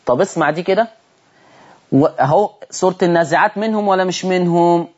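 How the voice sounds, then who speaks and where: A man with an Egyptian accent teaching Quran recitation on a televised lesson, animated and often asking his listeners rhetorical questions. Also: sits high, brisk, dull audio. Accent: Egyptian Arabic.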